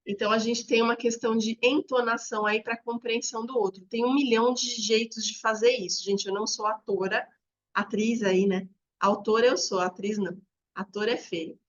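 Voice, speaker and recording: Woman educator explaining to teachers, fairly high voice, slightly dull recording. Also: fairly even intonation, normal speed. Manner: explanatory, demonstrates examples aloud.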